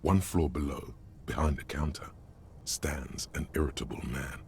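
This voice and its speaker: Give me a brooding video game narrator, very low and gravelly, slow and measured. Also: male voice, faint music behind. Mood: solemn. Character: brooding omniscient male narrator, gravelly, solemn.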